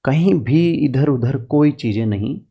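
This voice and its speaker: A man's voice: mid-range voice, expressive, unhurried, gravelly, breathy edge, lo-fi sound. A man teaching political science exam strategy in an earnest, direct lecture, using homely farm examples to make his points.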